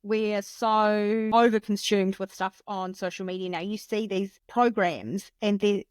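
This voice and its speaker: A woman in her late thirties, a podcast guest talking in a chatty, animated way with lots of fillers. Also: mid-range voice, unhurried, clean tone, no echo. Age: 30s. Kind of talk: casual chat.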